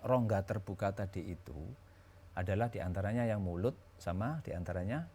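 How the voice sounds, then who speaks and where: A man's voice: deep voice, moderate pace, mellow, breathy edge. A man teaching as a religious scholar on a talk show, patiently explaining rules with everyday examples.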